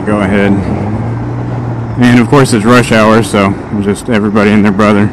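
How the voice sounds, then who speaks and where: A man's voice: lowish voice, little pitch movement, moderate pace. A man talking casually from inside a motorcycle helmet as he rides, vlogging in a rambling, slightly distracted way. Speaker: motovlogger. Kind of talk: casual vlog monologue while riding a motorcycle. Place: outdoors, riding a motorcycle in traffic. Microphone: microphone inside a motorcycle helmet. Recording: inside a helmet, loud road and engine noise. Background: loud traffic, vehicle and wind noise.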